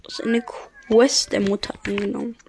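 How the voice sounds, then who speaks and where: A woman's voice: medium pitch, steady tone, fairly quick, vocal fry, a little mellow, slight background noise. A woman giving casual, joking commentary while playing a video game and reading its text aloud. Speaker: gameplay streamer.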